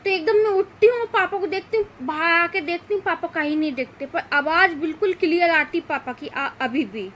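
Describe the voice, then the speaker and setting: Chatty high-voiced Hindi woman vlogger. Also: moderate pace, hardly any pauses, fairly bright tone, slight background noise. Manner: chatty, emotional, retelling family accounts. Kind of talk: casual storytelling to camera.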